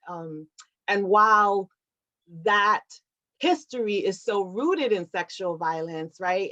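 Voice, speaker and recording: In an online talk, a Puerto Rican activist and award recipient answers a question conversationally, sounding earnest and reflective and often checking in with "right?". Her voice is medium in pitch and a little bright, and the audio is lo-fi.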